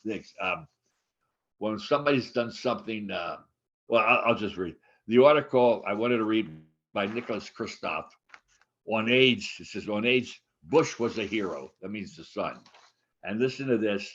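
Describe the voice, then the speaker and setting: Older man in his eighties, low-pitched co-host, halting and digressive; dull recording. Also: expressive. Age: 80s. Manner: rambling, halting, many restarts and fillers. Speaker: podcast co-host. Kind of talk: casual chat. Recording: dull lo-fi sound.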